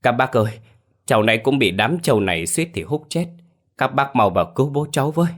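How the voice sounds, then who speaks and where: A man voicing a panicked young man who wails and begs for help in a high, strained voice. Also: lively intonation, a little fast, close to an everyday voice. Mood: pleading. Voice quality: shrill, wailing.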